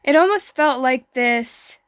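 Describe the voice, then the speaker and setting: Woman, sick with flu, higher-pitched voice, dry close sound, casual tarot reader, hesitant phrasing. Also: expressive, slow, no room sound. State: sick, as with flu, voice may give out. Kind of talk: casual tarot reading to online viewers.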